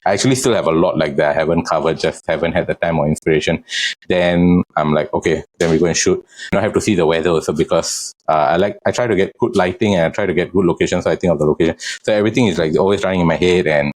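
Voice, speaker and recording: A man's voice: low voice, racing, a little mellow, poor audio. A man with a Singaporean accent, speaking casually and chattily as an interview guest. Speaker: interview guest, real estate agent.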